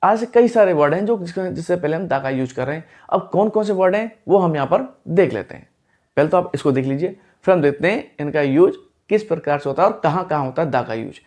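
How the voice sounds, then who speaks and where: A man with a somewhat high voice teaches English grammar in Hindi. He works through examples step by step, asking a question and then answering it himself. He mixes Hindi explanation with English example phrases. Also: animated, fast talker, darkish tone.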